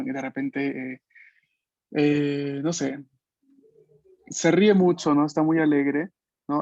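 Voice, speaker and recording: A man's voice: mid-range voice, a little mellow, dry recording, muffled recording. A man teaching an online language class, explaining patiently and checking in with frequent questions. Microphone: video call.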